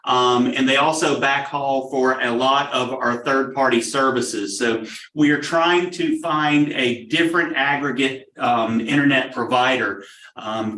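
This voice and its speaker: A man who is a district technology official, answering board questions in a measured, explanatory way with frequent "um" pauses. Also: medium pitch, sharp tone. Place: meeting room. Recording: roomy, picked up from far off.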